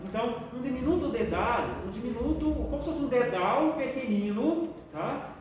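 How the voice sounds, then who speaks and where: A woman's voice: a little high, animated, moderate pace, a little mellow, muffled recording. A woman teaching a class, explaining patiently and often checking in with the students. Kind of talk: classroom lesson. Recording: echoey room, distant mic, faint noise.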